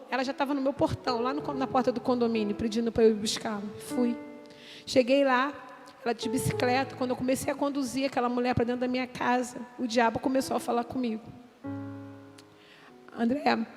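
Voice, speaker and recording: A Brazilian woman, a pastor's wife, tells her church testimony in an emotional, intense way, with music playing behind her. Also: high-pitched. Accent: Brazilian Portuguese. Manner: emotional, intense storytelling with acted quotes. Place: church hall. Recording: reverberant hall with music behind.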